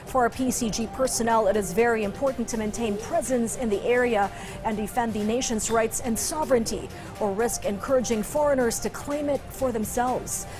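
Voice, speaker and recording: A woman's voice: on the high side, moderate pace, over music. A woman news anchor with a Filipino accent reading a scripted introduction.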